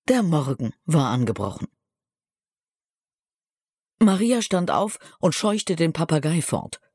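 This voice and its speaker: A man reading a historical novel aloud as an audiobook narrator, in a measured, even delivery. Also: on the high side, in a large hall. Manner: measured, evenly paced reading.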